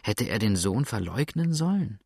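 A man reading the part of a frightened, grieving young woman in an audiobook, speaking softly and anxiously. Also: on the low side, sing-song, moderate pace, creaky, breathy edge, dry recording, studio quality, exaggerated voice. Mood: hushed. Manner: soft, anxious and hushed.

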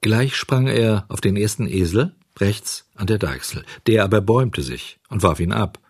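A man reading a children's storybook aloud in a lively, expressive way. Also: lowish voice, normal speed, breathy edge, no room sound, studio quality. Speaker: narrator.

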